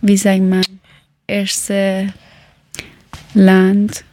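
A woman's voice: medium pitch, completely flat delivery, extremely slow, dark tone. A woman from Iran hosting a casual talk, speaking hesitantly in a learned language and often searching for words.

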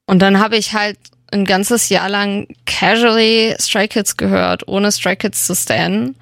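A young woman hosting a radio show, talking in an unhurried, gravelly way. Her chat is eager and full of fan enthusiasm and little fillers. The sound is dry and close, with no room around it. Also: mid-range voice, fairly even intonation, a bit bright, no echo. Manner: chatty, enthusiastic fan talk with many fillers. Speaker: radio host. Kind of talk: casual radio chat about K-pop.

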